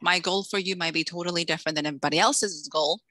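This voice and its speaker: A middle-aged author guest, born in the Dominican Republic and raised in Massachusetts, chats in a casual interview with a fairly low-pitched voice, talking fast. She's an animated storyteller who acts out the voices of people in her tales, with no room sound on the recording.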